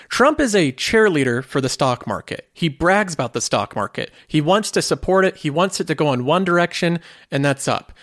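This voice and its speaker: A man's voice: on the high side, fairly bright tone, no room sound. Dry-voiced man explaining markets. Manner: explanatory, poses rhetorical questions. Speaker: finance video host. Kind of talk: scripted commentary.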